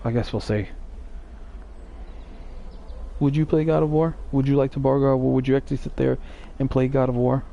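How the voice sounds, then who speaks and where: Gravelly-voiced man rambling on a stream. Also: medium pitch, fairly even intonation, fast talker, dark tone, highs cut off. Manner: rambling, chatty, teasing. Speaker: live streamer. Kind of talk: casual live-stream chat answering viewers.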